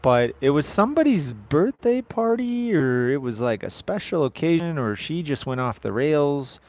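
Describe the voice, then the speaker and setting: A man's voice: a little high, sing-song, moderate pace, a little mellow. Rambling, joking man in his thirties. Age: 30s. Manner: rambling, joking asides to viewers. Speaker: livestream host. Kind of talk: casual live-stream chat.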